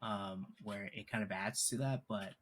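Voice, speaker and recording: A man's voice: fairly low pitch, steady tone, a little slow, a bit bright. A man co-hosting a casual film discussion, rambling with lots of fillers and restarts, laughing often. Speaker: podcast co-host.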